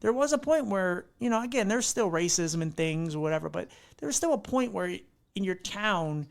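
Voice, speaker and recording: Gravelly, high-voiced man ranting on a podcast. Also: moderate pace, no room sound. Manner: animated ranting, rambling with restarts. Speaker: podcast host. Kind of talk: casual podcast chat.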